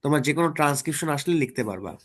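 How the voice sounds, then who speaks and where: A man's voice: fairly high pitch, lively intonation, racing. A man tutoring students through exam topics in a casual online lesson, often checking in with them.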